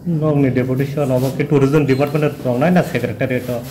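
A man, a reporter at a press conference, asking a quick question. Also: mid-range voice, fairly even intonation, reverberant, background noise.

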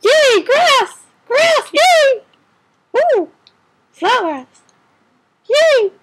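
Tiny squealing creature. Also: male voice, very high voice, drawn-out words, slight background noise, pitched above the performer's own voice, exaggerated voice. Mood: giddy. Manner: squealing, excitable. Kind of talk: amateur game-animation character acting.

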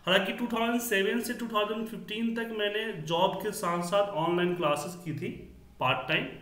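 A man's voice: high-pitched, fairly even intonation, moderate pace, fairly bright tone. A man in his forties teaching a computer class over an online call, with a heavy echo on his voice. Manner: self-assured, explaining. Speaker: computer trainer. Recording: echoey room over a call.

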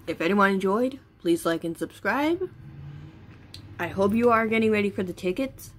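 A young woman vlogger chats informally to the camera in a small bedroom. Her voice has an average pitch for a woman, and she is recorded at about arm's length. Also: expressive, moderate pace, slight background noise. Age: young adult. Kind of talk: casual chat to camera.

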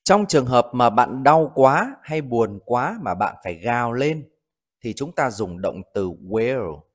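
A man hosts an English vocabulary lesson, speaking slowly and clearly. His pitch rises and falls widely as he stresses each new word. He repeats the example sentences carefully for learners. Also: lively intonation. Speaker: English teacher.

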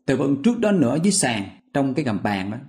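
A man's voice: mid-range voice, sing-song, fast talker, a little mellow. A man teaching vocabulary, patiently explaining memory tricks step by step and quizzing his listeners. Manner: patient, repetitive, asks listeners questions.

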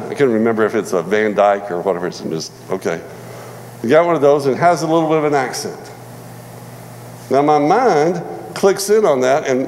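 A man in his forties preaching a sermon in a relaxed, conversational way, often repeating words and checking in with "all right?". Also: on the high side, big-room sound, rough recording. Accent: non-Michigan American. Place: church hall.

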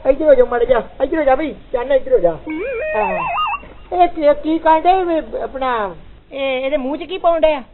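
A man's voice: very high voice, expressive, normal speed. A male comedian, teasing and mock-sympathetic in an improvised village comedy sketch. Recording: tinny lo-fi with crowd noise.

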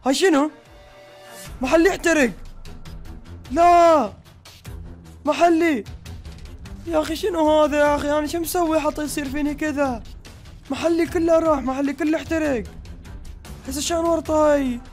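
Man as an shopkeeper, anxious, pleading, very high voice, fast, music underneath. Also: fairly even intonation. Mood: panicked. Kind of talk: Minecraft fan drama voice acting.

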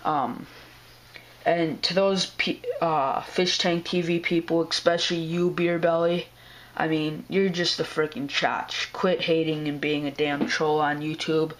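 A man with a sore, strained voice talks slowly to his viewers in a casual home video. His delivery is relaxed and rambling, full of slang and fillers, and sounds as if it comes through a camera's own mic. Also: on the high side. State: sick, with a strained throat. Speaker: aquarium hobbyist vlogger.

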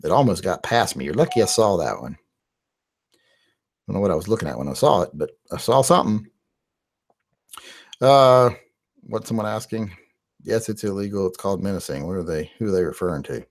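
A West Virginia man in his forties, his voice sits low and sounds creaky and animated, moving fairly quickly yet pausing often. He hosts a live-stream Q&A from a small home studio, answering viewers in a rambling, conversational manner laced with "uh" fillers. He wears headphones and speaks into a large boom-mounted studio mic.

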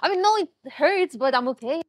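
Young woman host, high voice, playful teasing, dry close sound. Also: expressive, brisk, no echo. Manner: teasing, playful, laughs often. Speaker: mukbang host. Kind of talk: casual chat while eating. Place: restaurant.

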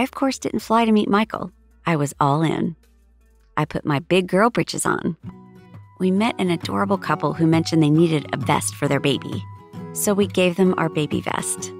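Brief: middle-aged woman, cheerful travel-vlog narrator, slightly low voice. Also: normal speed, faint music behind. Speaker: vlogger narrating a sailing trip. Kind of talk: scripted voice-over narration.

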